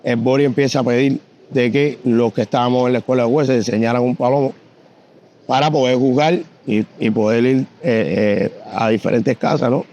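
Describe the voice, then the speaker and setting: A man from Cuba, a pigeon competition judge telling anecdotes in an interview, animated and full of fillers and restarts. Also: mid-range voice, normal speed, lo-fi sound. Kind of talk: storytelling in an interview.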